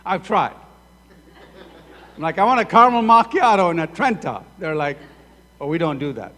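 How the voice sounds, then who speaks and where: Preaching at a moderate pace, a man from Sudan whose voice sits high fills a church sanctuary, and the recording echoes with hall reverb. He's lively as pastor, performing both halves of imagined conversations.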